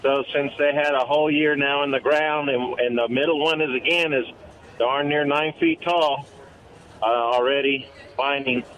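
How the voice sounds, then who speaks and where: A man's voice: mid-range voice, steady tone, normal speed, fairly bright tone. A man calling into a radio show on a hands-free car speakerphone while driving, rambling through detailed questions and correcting himself as he goes. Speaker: caller. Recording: muffled car speakerphone line. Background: faint car noise.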